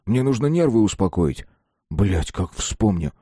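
A man's voice: lowish voice, very animated, unhurried, warm tone, breathy edge, no room sound, clean studio sound, full character voice. A man voicing a rattled young man who swears crudely and defends himself in an audiobook. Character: angry rattled young man drinking beer.

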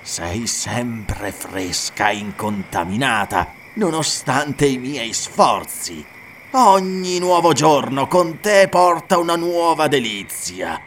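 A man's voice: mid-range voice, expressive, takes it slowly, a bit bright, distant mic, a little hiss or hum. A man voicing a cruel, arrogant lord who mocks and domineers in an audiobook. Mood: mocking. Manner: mocking, domineering.

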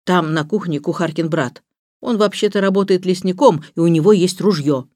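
A woman's voice: fairly low pitch, normal speed, a little mellow, dry recording, clean studio sound, natural voice. A woman voicing a practical manservant who speaks plainly and matter-of-factly. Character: practical adult male servant.

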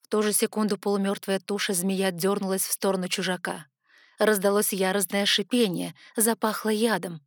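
Female audiobook narrator, measured fantasy storytelling, dry close sound. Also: mid-range voice, steady tone, no echo.

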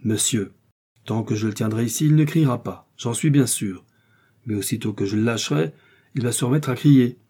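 A man's voice: mid-range voice, normal speed, dark tone, slightly rough. A man reading an audiobook and voicing a sturdy, loyal male servant who talks bluntly and eagerly. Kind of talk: audiobook character voice.

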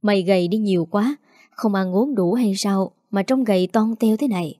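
A woman's voice: medium pitch, normal speed, dry recording, studio quality, lightly acted. A woman voicing a nagging, emotional peasant mother in her forties. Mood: fussing. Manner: sharp nagging, scolding.

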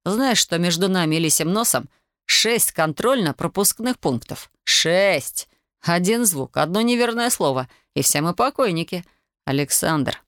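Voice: medium pitch, animated, unhurried, a bit bright, dry recording. Reader doing a pushy wounded soldier, insistent, urgent, audiobook, dry close sound. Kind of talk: audiobook character voice.

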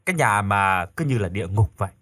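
A man's voice: fairly low pitch, lively intonation, fairly quick, a bit bright, no echo, clean studio sound. A man voicing a tired young man who speaks reluctantly and bitterly. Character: weary young man from a broken home.

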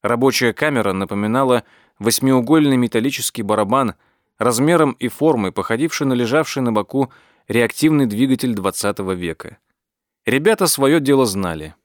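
A man reading an audiobook as its narrator, telling the story in a measured, even way. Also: medium pitch, no echo, studio quality. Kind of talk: scripted narration.

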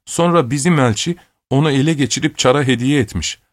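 A man voicing a cautious, dutiful noble father who speaks in a measured, hesitant way in an audiobook. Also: mid-range voice, no echo, studio quality, pitched above the performer's own voice, lightly acted. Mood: explaining.

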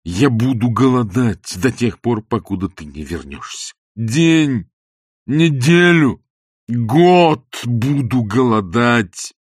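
A man voicing a pompous, self-pitying middle-aged husband who whines in a slow theatrical drawl. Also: on the low side, husky, dry recording, studio quality. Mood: whining drawl.

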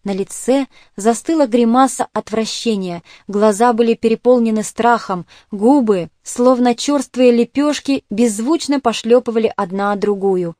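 A woman narrates a literary audiobook in a measured, expressive way. Her voice sits slightly high. It is recorded dry and close, with no room sound. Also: no room sound.

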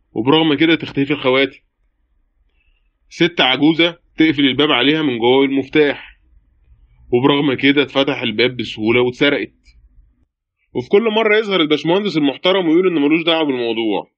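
A man's voice: on the high side, fast talker, natural voice. An actor playing a blunt, sceptical male Egyptian police brigadier in a radio play, insistent and dismissive. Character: brusque, sceptical male police brigadier, pressing his case. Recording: dull lo-fi audio.

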